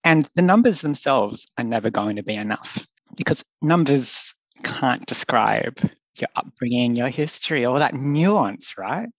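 A young man from Australia, a public health doctor, is thoughtful and earnest as a podcast interviewee, often laughing, his phrasing loose. His mid-range voice is expressive and measured in pace, with no echo but a rough recording.

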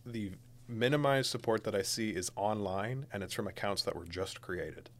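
Emphatic young man with a low voice. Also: normal speed. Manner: emphatic, opinionated, sarcastic. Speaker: podcast co-host. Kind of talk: casual political chat.

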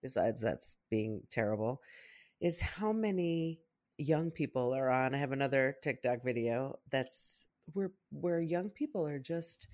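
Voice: mid-range voice, expressive, unhurried, a little mellow. A podcast co-host who works as a therapist, reflecting and explaining in a casual chat. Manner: reflective, explaining, thinks aloud.

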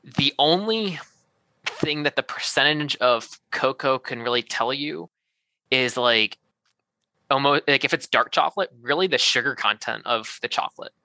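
Bright, forceful man explaining casually. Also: medium pitch, animated, normal speed, dry recording. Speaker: podcast guest, chocolate shop owner.

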